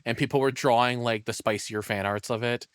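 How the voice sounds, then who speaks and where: A man's voice: medium pitch, fairly even intonation, brisk, fairly bright tone, smooth, dry recording, clean studio sound. A man streaming, chatting casually and rambling with a lot of swearing. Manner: rambling, swears often, laughs between words.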